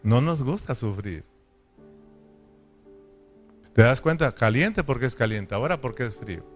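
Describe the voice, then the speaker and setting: A man's voice: mid-range voice, expressive, brisk, faint music behind. A man preaching a sermon as pastor, emphatic and often asking his listeners for agreement. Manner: emphatic preaching with repeated call-and-response questions.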